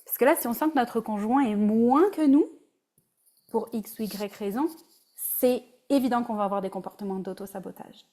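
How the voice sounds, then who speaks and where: A warm-toned woman speaks at a moderate pace in a fairly high pitch, with a Québécois French accent. She gives a relaxed webinar presentation as a relationship coach, using the occasional English word.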